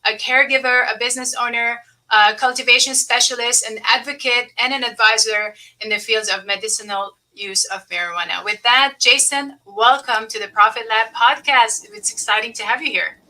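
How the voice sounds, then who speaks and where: A middle-aged woman from Lebanon hosts a podcast interview in a casual, halting way, often restarting her sentences. Her voice sits fairly high and sounds bright and forward. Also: fairly even intonation, rough recording. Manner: halting, many fillers and restarts. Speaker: podcast host.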